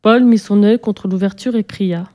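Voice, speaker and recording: A woman reading a children's story aloud with steady, even storytelling. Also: mid-range voice, normal speed. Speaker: narrator.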